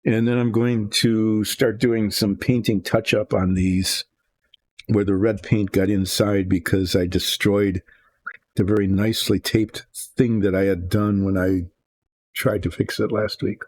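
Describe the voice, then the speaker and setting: An older man hosting a relaxed painting show, rambling and thinking aloud from his workshop as he works. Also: on the low side, measured pace. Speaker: hobby painting host. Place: home workshop.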